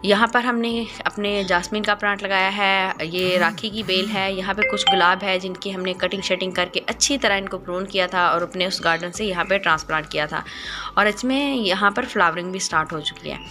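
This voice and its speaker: A woman narrating a voice-over for her garden makeover video, explaining each step calmly with small hesitant pauses. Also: medium pitch, over music. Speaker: gardening channel host.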